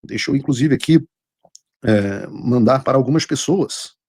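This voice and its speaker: A man with a Brazilian accent and a husky voice, hosting a live political show with commentary and read-out texts. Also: mid-range voice, moderate pace, darkish tone, no room sound, clean studio sound.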